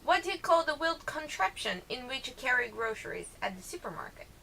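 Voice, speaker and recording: A woman with a Brazilian accent and native Portuguese talks casually in a fairly high, very bright voice. She reads questions and answers them at an unhurried pace, correcting herself and wandering into asides. A faint hiss sits behind her. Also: very animated, creaky.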